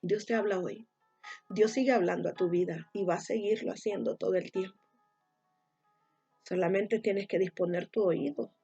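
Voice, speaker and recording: A woman preaching a devotional sermon in a husky, slightly breathy voice, building her points through steady repetition. The recording sounds dull and lo-fi, with faint music playing underneath. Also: medium pitch. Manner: emphatic, repetitive phrasing.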